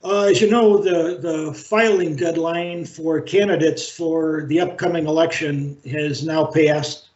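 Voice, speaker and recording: A man chairing a library board meeting over a video call, speaking in a halting, measured way with frequent fillers. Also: a little high, fairly even intonation, darkish tone. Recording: roomy, dull video-call audio.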